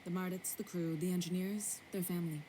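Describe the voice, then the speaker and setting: A woman's voice: fairly low pitch, fairly even intonation, brisk, dark tone, slight background noise, lightly acted, rough recording. An actress playing a tough, no-nonsense female security chief of a ship in a video game, firm and authoritative.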